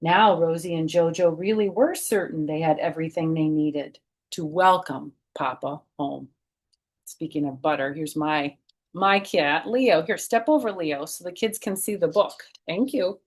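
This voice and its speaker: A middle-aged woman with a deep voice reads a picture book to children at a measured pace, performing it expressively and dropping in chatty asides. She's a storytime reader recording at home in a small furnished room.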